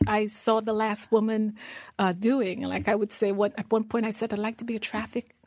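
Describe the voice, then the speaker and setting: A middle-aged woman from Guyana speaks as an interview guest, recounting her life in an earnest, storytelling way. Her voice sits in a middle pitch, recorded dry and close. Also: little pitch movement, normal speed, darkish tone, no room sound. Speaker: guest, managing director. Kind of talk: interview conversation.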